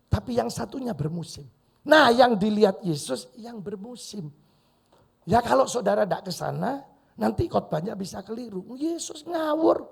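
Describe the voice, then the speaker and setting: Gravelly high-voiced pastor preaching. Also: male voice. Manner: lively preaching with sudden loud bursts and quoted dialogue. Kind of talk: sermon. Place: church hall.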